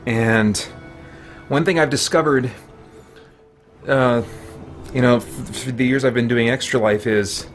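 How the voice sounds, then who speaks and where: Game music runs behind a middle-aged game streamer whose mid-range voice has a touch of brightness. Broadcasting from a small home office, he keeps up a relaxed flow of live commentary, talking and reasoning out loud as he plays.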